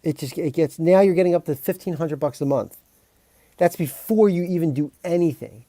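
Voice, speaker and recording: With a warm voice on the high side and a moderate pace, a composer streams live and chats casually with viewers. He rambles, jokes, restarts often, uses fillers and swears mildly; there's no echo.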